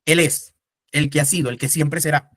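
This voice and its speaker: Man, teacher, casual classroom lecture, rhetorical questions, fairly high voice, dry close sound. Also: level tone, normal speed, fairly bright tone, no echo.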